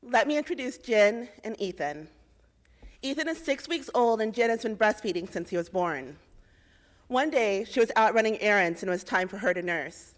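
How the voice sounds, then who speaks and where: A young woman from Indiana giving a rehearsed policy pitch, with measured, persuasive delivery of facts and figures. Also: animated. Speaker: presenter in a policy pitch competition.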